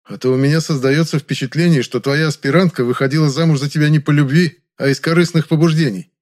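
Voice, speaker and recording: A man's voice: a little high, fairly even intonation, quick pace, a little mellow, voice pushed up, natural voice. Casting: man as a sardonic young hero, slightly raised and firmer than the narration, dry wit. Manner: dry, sarcastic.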